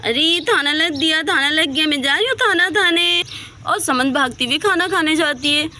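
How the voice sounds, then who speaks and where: A woman's voice: sits high, moderate pace, sharp tone, slight background noise, pitched above the performer's own voice. A woman voicing a naive young woman who talks and pleads like a small child in a storybook tale. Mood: childlike, eager.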